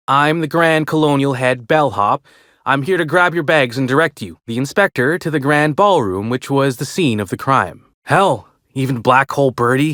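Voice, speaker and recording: A man's voice: mid-range voice, a bit bright, dry recording, studio quality, natural voice. A man voicing a chirpy, chatty old-fashioned hotel bellhop in a video game, with a folksy American way of talking. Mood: helpful, confiding. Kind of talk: video game character dialogue.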